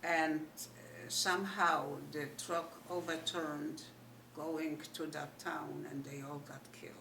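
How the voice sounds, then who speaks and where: A woman's voice: low-pitched, takes it slowly. Older woman with a Polish Yiddish accent, echoey room. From Poland. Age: older, 80s. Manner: animated retelling, acting out remembered dialogue. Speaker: Holocaust survivor giving testimony. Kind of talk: oral history storytelling. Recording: echoey room, distant mic, faint noise.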